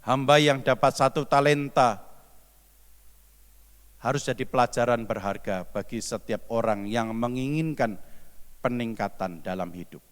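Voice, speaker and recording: A male pastor, preaching slowly and emphatically with repeated phrases in a large church hall. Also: mid-range voice, clear, resonant tone. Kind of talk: sermon then leading sung worship. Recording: church hall reverb with music behind.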